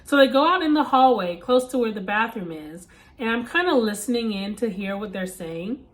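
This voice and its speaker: High-voiced woman telling a story. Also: moderate pace. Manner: animated retelling with emphatic asides to viewers. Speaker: vlogger. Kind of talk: casual storytime narration.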